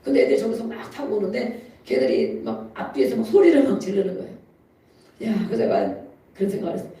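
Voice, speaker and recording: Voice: medium pitch, wildly swooping pitch, fast, dark tone. A preacher giving a chatty, storytelling sermon with frequent laughs that rises to emphatic exhortation, recorded in a church sanctuary from a distance. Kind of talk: conversational sermon. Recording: echoey hall, mic from far off.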